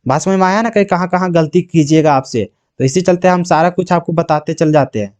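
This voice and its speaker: A man's voice: fairly high pitch, a little fast, a little mellow. A male chemistry teacher teaches an exam-prep lesson. He keeps asking questions, answers them himself, and checks whether students have understood.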